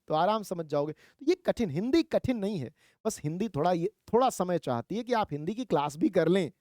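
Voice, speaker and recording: A man teaching a Hindi exam prep lesson, explaining step by step and reading verse slowly. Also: sits high, a little mellow, dry recording, studio quality.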